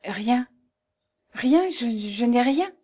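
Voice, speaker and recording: A woman's voice: a little high, fairly even intonation, normal speed, darkish tone, natural voice. A woman reading aloud, voicing a distraught young wife who speaks with trembling, bitter reproach.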